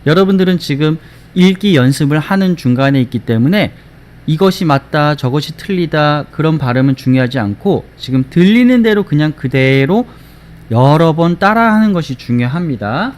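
A man's voice: a little high, animated, a little mellow. A man teaching an English phonics lesson, sounding out words one by one and repeating phrases for students to copy. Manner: models words one at a time, slowly and stretched; explains briskly, then drills phrases over and over. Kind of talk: language lesson.

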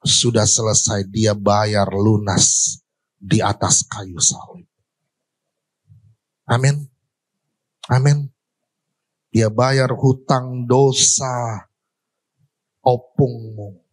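A middle-aged male pastor preaches into a handheld microphone on a church stage, asking the congregation questions and alternating emphatic high lines with slow, low ones. His voice is husky with fairly even intonation, and the recording is rough.

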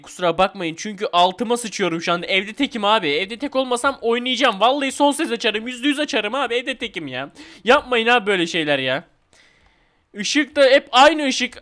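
Jumpy Turkish gamer, clear voice. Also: male voice, sits high, fairly bright tone. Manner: jumpy, exclamatory, keeps calling viewers "abi"; translates in-game notes aloud in halting English and Turkish. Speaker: gaming YouTuber. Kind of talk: Let's Play commentary. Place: at home, alone.

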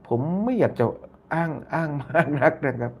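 With a voice on the high side and lively intonation, this male YouTube host speaks at normal speed during a casual live stream. He reads viewer comments out loud, repeats phrases often, and tags lines with polite particles.

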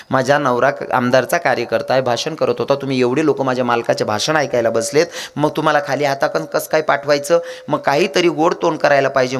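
A man with a Khandeshi Marathi accent preaching a humorous devotional kirtan sermon, telling stories with acted voices and jokes to a live audience. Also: medium pitch. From India.

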